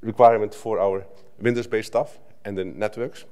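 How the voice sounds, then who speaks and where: A man's voice: fairly low pitch, steady tone, normal speed, dark tone, clear, resonant tone. Middle-aged man, from the Netherlands, native Dutch, conference speaker, lectern microphone, conversational with restarts. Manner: conversational, with frequent restarts and filler "right?". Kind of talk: conference talk. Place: conference hall stage at a lectern.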